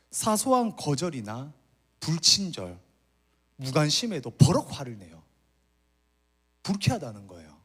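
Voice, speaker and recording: A man's voice: mid-range voice, breathy edge. A man preaching a sermon as a pastor, telling a story and acting out the characters' complaints. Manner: animated storytelling, acts out the older son's complaints. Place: church retreat hall.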